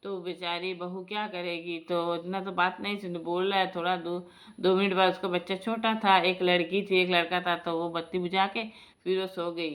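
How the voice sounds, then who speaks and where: A woman vlogger shares a personal family story in a casual, chatty way, addressing her viewers like friends and often restarting her sentences. Her lowish voice is a bit bright, with a level tone and a moderate pace.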